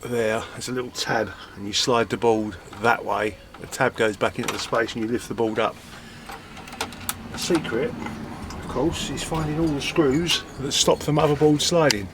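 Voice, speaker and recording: A man talks away in a relaxed, rambling way, joking at his own expense while he takes apart scrap computers. His voice sits at an ordinary middle pitch. Loud clattering and clicks from his work fill the recording behind him. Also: a little slow, noisy background. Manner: chatty, self-mocking, muttering while working. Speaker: scrapping vlogger. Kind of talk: casual chat while working.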